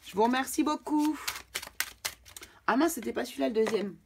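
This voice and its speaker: A woman's voice: fairly high pitch, normal speed, gravelly, noisy background. Chatty woman reading tarot cards. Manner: chatty, addresses viewers directly. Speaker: tarot card reader. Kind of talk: casual tarot reading to camera.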